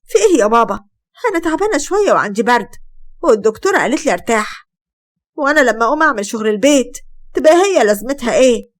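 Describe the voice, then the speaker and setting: A woman's voice: a little high, expressive, rapid-fire, natural voice. A woman voicing a whiny young Egyptian sister-in-law who claims to be sick. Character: lazy young sister-in-law complaining of a cold.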